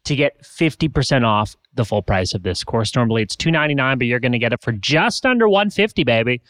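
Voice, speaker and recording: A man co-hosting a podcast in a playful, animated way, tossing in pet names as he pitches. His voice sits at a middle pitch. The sound is dry and close. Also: quick pace, no room sound. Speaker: podcast co-host. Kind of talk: casual podcast chat with ad read.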